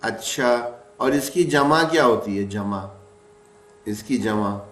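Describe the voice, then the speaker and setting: A man teaching a recorded lesson on recitation, patient, asking rhetorical questions and slowly stretching out example words. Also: mid-range voice, a bit bright. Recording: echoey room, mic at a distance.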